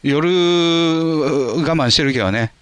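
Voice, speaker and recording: A man's voice: a little high, slow pace, a bit bright, clean tone, no echo. A man with a Kansai accent co-hosting a casual podcast chat, wry and teasing, switching between polite speech and dialect. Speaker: podcast co-host.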